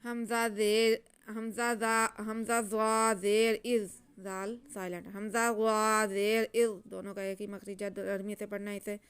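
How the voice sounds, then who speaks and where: Slow, crisp woman teaching Quran reading. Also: medium pitch, little pitch movement. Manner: chants syllables slowly and loudly, explains rules quickly and softly. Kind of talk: spelling out syllables for Quran reading.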